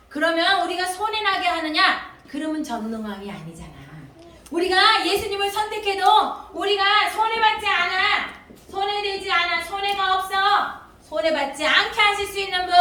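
High, bright woman teaching children. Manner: animated, sing-song, quizzing children directly. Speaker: Sunday school teacher. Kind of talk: children's sermon. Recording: echoey hall from far off.

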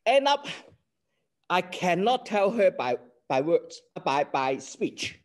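Giving an online lecture over a video call, an older Hong Kong man with a Hong Kong accent and Cantonese as his native language speaks slowly. His high voice swings widely in pitch as he earnestly explains, regularly asking "okay?"

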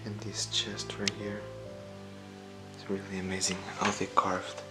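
Man, urban explorer, very flat low voice, hushed commentary, handheld camera in a dark empty house. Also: unhurried, over loud music, low-quality recording. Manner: hushed, half-whispered remarks. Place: dark abandoned house indoors.

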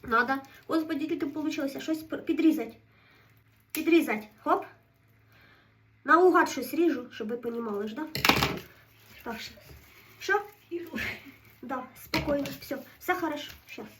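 Woman, high voice, nervous self-soothing kitchen commentary, set back from the phone mic, faint hiss behind. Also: normal speed, pauses often, distant mic. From Ukraine. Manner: fretful, keeps telling herself to stay calm. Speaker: home cook vlogger. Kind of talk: casual running commentary while cooking.

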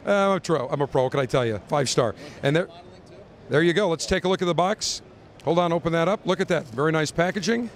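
A middle-aged radio host with a notably high voice tours a trade show live, roving through a big indoor convention hall with a handheld interview mic. He's a brash, joking showman who talks fast, teases his guests and keeps the walkthrough moving.

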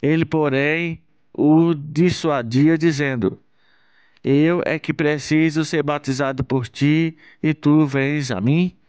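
A man from Brazil, hosting his channel, reads a Bible passage aloud in a slow, measured, solemn way. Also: fairly high pitch, steady tone, darkish tone, smooth, no room sound. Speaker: channel host reading scripture. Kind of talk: Bible reading.

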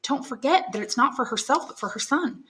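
Pitching her voice above her own natural range, a female narrator performs the character of an anxious, tender young woman in love, earnestly pleading in an audiobook. The voice is high, expressive, fairly bright, and fairly quick.

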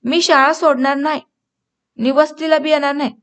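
A woman's voice: high voice, fairly even intonation, moderate pace, close to an everyday voice. A woman reading the lines of a stubborn teenage village boy who defies his father in a storybook. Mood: defiant. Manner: stubborn, defiant. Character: defiant teenage village boy determined to study.

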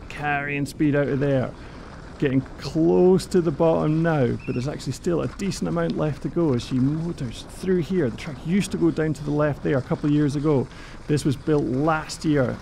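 Gravelly, mellow-voiced man calling a race course. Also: a little high, a little hiss or hum. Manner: upbeat, chatty, laughs between remarks. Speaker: mountain bike race presenter. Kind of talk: voice-over course preview commentary.

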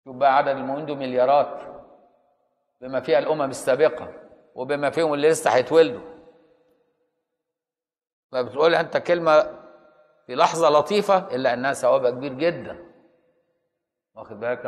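Fast-talking Egyptian man giving a lecture. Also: medium pitch, in a large hall. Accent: Egyptian Arabic. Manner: conversational, checks students often. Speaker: Islamic jurisprudence teacher.

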